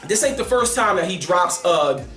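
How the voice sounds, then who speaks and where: High-pitched man in an echoey room. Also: moderate pace, soft background music. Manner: animated, emphatic, talks with his hands. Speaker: album reviewer. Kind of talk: casual commentary.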